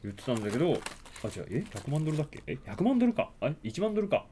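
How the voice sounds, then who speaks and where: A man's voice: a little high, very animated, racing, dark tone, slight background noise. A man in casual chat, animatedly retelling a movie's plot and acting out its lines. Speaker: podcast co-host.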